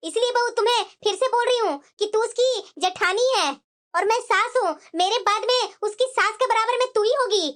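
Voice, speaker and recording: A meddling, bossy mother-in-law from a family cartoon, her voice pitched very high. She nags and lectures in a scolding, know-it-all way, as a woman acts her out. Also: moderate pace, a bit bright. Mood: coaxing. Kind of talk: cartoon voice acting.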